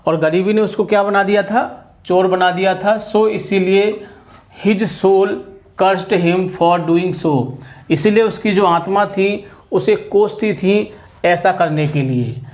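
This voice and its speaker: A man from India with a notably high speaking voice runs an exam-prep lesson. He reads English answer lines out slowly, word by word, then talks through them in Hindi, repeating key points so students remember. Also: darkish tone. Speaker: teacher.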